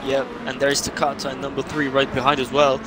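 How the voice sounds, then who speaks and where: A man works as motorsport co-commentator on a live sim race, adding observations about drivers and positions. His voice sits at a middle pitch over clearly audible music and car sounds. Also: monotone, quick pace.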